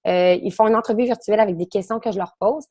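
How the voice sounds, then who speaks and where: A woman's voice: mid-range voice, dark tone. A young woman with a Quebec French accent, a coach sharing her experience in a casual round-table talk, rambling and correcting herself, with something in her throat. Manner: fast, rambling, self-correcting.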